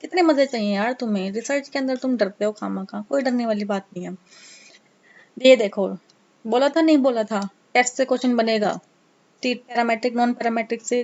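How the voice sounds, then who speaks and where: A woman's voice: on the high side, a little mellow. A woman teaching an exam prep lesson in a casual, coaxing way, mixing English terms into her talk. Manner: chatty, coaxing, teasing students; mixes English terms into Hindi. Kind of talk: casual Hindi lecture. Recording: dull lo-fi sound.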